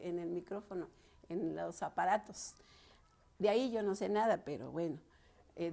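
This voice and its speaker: A woman's voice: on the high side, a little mellow. A woman with a Mexican Spanish accent teaching a lesson on preaching, talking to the listener directly in a casual way, with restarts and fillers. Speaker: preaching instructor.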